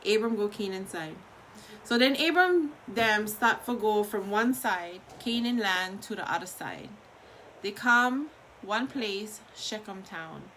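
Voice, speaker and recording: A woman with a Hawaiian Pidgin accent reads scripture aloud as a colloquial, expressive storyteller, pausing and repeating phrases. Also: medium pitch, slight background noise, low-quality recording. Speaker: host of a daily online Bible reading.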